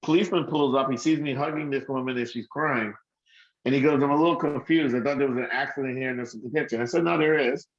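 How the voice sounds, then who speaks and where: A man's voice: medium pitch, fast, highs cut off. A man telling a personal story in an earnest way, as a speaker on an online call. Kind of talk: storytelling talk.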